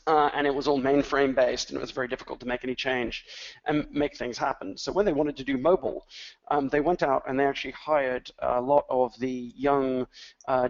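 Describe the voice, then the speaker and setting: A man's voice: mid-range voice, creaky, dull audio. A man speaking as an industry analyst on a webinar, rambling, with many fillers and restarts. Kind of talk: webinar talk.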